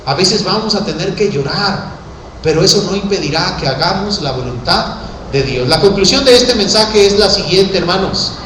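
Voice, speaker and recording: A preacher delivers an impassioned sermon, dropping to hushed words and then rising to shouts. His voice is sharp, bright and slightly high. It rings through a very echoey church hall, with faint noise beneath it. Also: expressive, normal speed. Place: church sanctuary.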